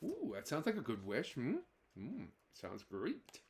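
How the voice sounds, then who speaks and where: With a gravelly, medium-pitched voice that swoops wildly, a man narrates a children's folktale a little slowly. He half reads, half improvises, throwing in dramatic exclamations and playful asides.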